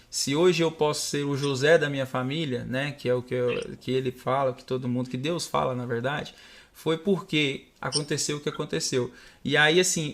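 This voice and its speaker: A young man, the guest of a live stream, earnestly telling a personal story, often restarting his sentences. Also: a little high. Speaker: guest sharing personal testimony. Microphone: webcam setup at home.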